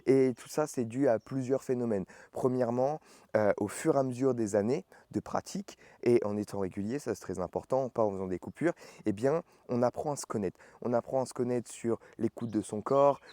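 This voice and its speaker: A man's voice: mid-range voice, warm tone, no echo. A young man chatting casually to camera as a fitness vlogger, explaining with fillers and self-corrections. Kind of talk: casual vlog talk to camera.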